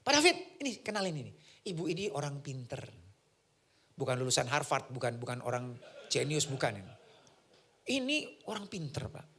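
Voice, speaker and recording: A male preacher telling a personal story in a sermon, his pitch leaping up and down with the drama. His voice is bright and forceful, and he slips into the voices of the people in the story. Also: moderate pace, long pauses. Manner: animated storytelling, acting out voices. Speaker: pastor.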